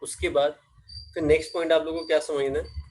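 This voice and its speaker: A man teaching a class, asking questions and then answering them himself, slow and drawn out when dictating definitions, mixing Hindi with English terms. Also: a little high, little pitch movement, a little mellow, slight background noise, low-quality recording. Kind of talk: classroom lecture.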